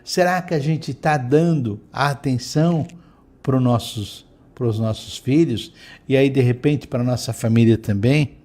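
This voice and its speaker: A middle-aged man giving a spiritual lecture, telling stories in a gentle, reflective way with many pauses. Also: medium pitch. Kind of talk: lecture with storytelling.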